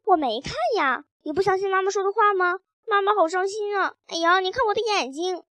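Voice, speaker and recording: A woman's voice: very high-pitched, brisk, a bit bright, no room sound, pitched above the performer's own voice. A woman reading a children's story, voicing a mother who coaxes with exaggerated mock hurt. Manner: coaxing, exaggerated mock sadness.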